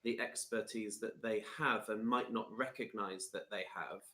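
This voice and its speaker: A man co-hosting a live online session, speaking in a measured way and correcting himself, on a video call. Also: fairly low pitch, fairly even intonation, pushed and bright, roomy sound. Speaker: co-host trainer.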